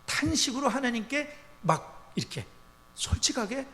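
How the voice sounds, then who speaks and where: A male pastor preaching a sermon in a church, with emphatic loud rises and quiet drops. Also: extremely high pitch, very animated, normal speed, gravelly. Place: church sanctuary. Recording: church sanctuary with long reverb.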